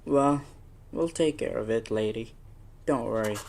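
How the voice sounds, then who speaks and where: A man's voice: mid-range voice, measured pace, creaky, background noise. A man playing a weary, patronizing police desk officer brushing off a caller in a radio suspense play. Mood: placating. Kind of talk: old-time radio suspense play acting.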